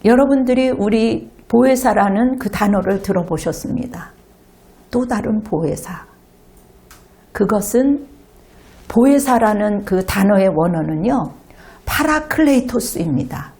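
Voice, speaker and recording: A woman pastor giving an animated sermon to a congregation in a church, sometimes acting out children's voices. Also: medium pitch, a little slow. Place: church sanctuary.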